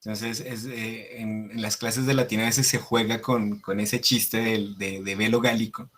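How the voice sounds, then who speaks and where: A man teaching a Latin class over slides, repeating each Latin phrase slowly and often checking with his students. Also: lowish voice, little pitch movement, fairly bright tone. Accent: Latin American Spanish. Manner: slow, deliberate, frequent checking questions ("¿sí?").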